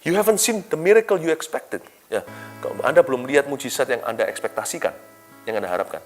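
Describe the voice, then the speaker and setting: A man preaching a devotional sermon as a pastor, animated, moving between loud emphatic lines and quiet, soft asides, with English phrases mixed in. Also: medium pitch, quick pace. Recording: soft guitar music behind.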